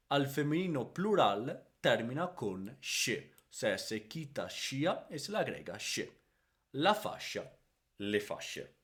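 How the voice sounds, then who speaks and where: Teacher man, lively and patient. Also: medium pitch. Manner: explains step by step, keeps checking with "¿ok?"; stretches the Italian example words slowly and loudly. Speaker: Italian language teacher. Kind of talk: grammar lesson.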